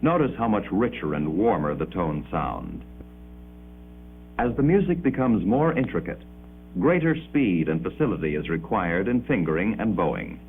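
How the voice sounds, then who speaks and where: A man narrates a 1950s educational film in a formal, measured way, enunciating precisely. His voice is low and sing-song, heard on an old, muffled soundtrack.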